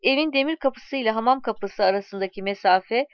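A woman narrating a story aloud in a calm, measured reading voice, voicing the dialogue as she goes. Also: on the high side, no echo, dull audio.

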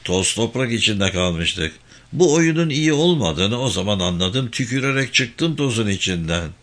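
A man narrating a story aloud in a steady storybook manner, adding short footnote asides. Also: fairly low pitch, moderate pace.

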